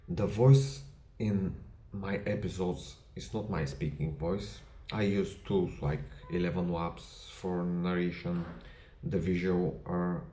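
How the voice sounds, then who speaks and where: A low-voiced man with a Bulgarian accent, not a native English speaker, addresses the camera about his history channel. He talks in measured, deliberate short phrases with small grammar slips, and his mellow voice carries a roomy echo.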